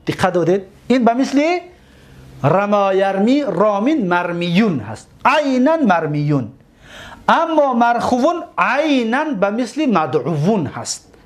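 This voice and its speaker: A man with a Tajik accent teaching a classroom lecture, explaining step by step, repeating each word and asking his students questions. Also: sits high. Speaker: teacher of Arabic morphology.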